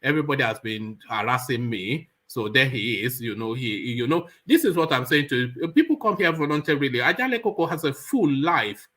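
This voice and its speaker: A man hosting a casual live political talk stream, halting and repeating words as he moderates. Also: mid-range voice, sing-song, fairly bright tone. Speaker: livestream host and moderator.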